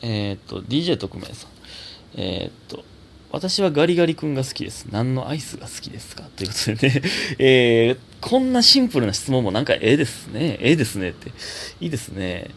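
A young adult comedian with a Kansai accent, hosting a solo casual talk show and reading listener mail in a chatty, self-teasing way. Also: male voice, medium pitch, fast, creaky, slight background noise. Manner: chatty, self-teasing, animated, laughs often. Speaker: comedian podcast host.

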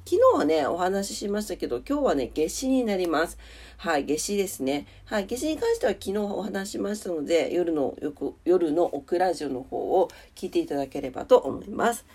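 An animated woman with a husky, a little mellow voice on the low side, stuffed-up and nasal, hosts a solo morning audio show. She chats politely and fairly quickly about the weather and daily notes, radio-style.

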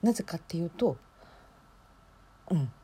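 Close to her phone mic, a woman hosting a podcast gives casual live commentary while watching a livestream, talking quietly and often dropping to a breathy half-whisper. Her lowish voice is dark, mellow and husky with an edge, expressive and unhurried, and her reactions are chatty.

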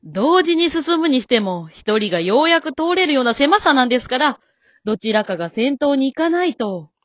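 A woman's voice: high voice, big pitch swings, normal speed, no room sound. A woman voicing a stern, composed elderly wife in an amateur radio drama, polite and cool with a scolding edge. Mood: calm. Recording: dull dry lo-fi recording.

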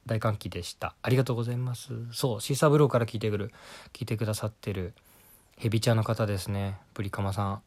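A man hosts his own solo talk show from home, his voice sitting slightly low. He talks quickly, mixing polite formal phrases with puns and playful asides. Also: steady tone, a little mellow. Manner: jokey, punning, with polite set phrases. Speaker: podcast host. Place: at home, right after a bath.

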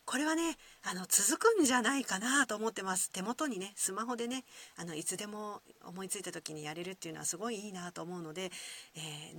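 A woman with a Kyoto accent hosting a solo podcast, musing gently with many soft fillers. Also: mid-range voice. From Kyoto, Japan. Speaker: podcast host.

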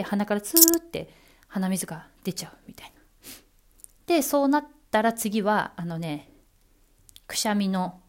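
Woman announcer, solo talk host, chatty, playful asides, easy filler-heavy delivery. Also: mid-range voice.

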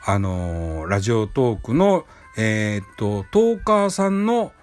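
A podcast host with a Kansai accent runs a casual solo talk show, his lowish, slightly mellow voice very animated but a little slow. He rambles with lots of fillers and restarts over faint background music.

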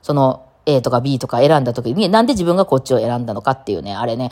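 Fast, lively Kansai woman chatting. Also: a bass voice. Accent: Kansai Japanese. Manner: chatty, rambling, laughs often, many fillers. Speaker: podcast host. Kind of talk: casual solo talk.

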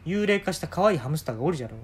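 Man putting on bossy old leaf spirit, drawling old-timer talk, husky, swings up and down. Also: fairly high pitch, lively intonation, very fast. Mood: insistent. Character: cranky old man in work robes, really a talking fallen leaf.

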